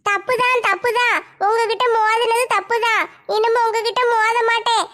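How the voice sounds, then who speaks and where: A woman's voice: very high-pitched, level tone, bright, forceful tone. A woman voicing a village woman beaten in a brawl, crying and begging for mercy. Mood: wailing. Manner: crying, begging, drawn-out wails. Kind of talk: one-woman comic skit.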